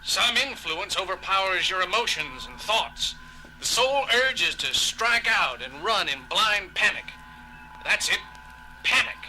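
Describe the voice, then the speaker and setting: A man's voice: sits high, sing-song, a little slow, pushed and bright, a little hiss or hum, heavily acted, low-quality recording. A man playing a harried, blunt starship doctor in a science fiction audio drama, urgent and exasperated. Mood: grim.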